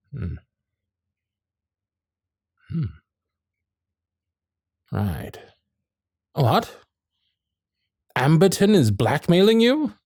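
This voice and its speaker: With a medium-pitched voice, the actor's Victorian suitor turns probing and concerned, still speaking in genteel, flirtatious period diction with lively intonation. The character is courtly, infatuated, protective and witty, in an ASMR romantic period roleplay recorded dry and intimate through a close studio mic.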